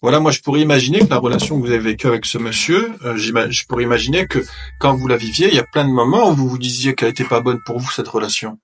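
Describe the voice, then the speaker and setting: A man hosting a therapeutic interview, gently probing and reflecting back what he has been told. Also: mid-range voice, very fast, a little hiss or hum. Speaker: host counselling a guest.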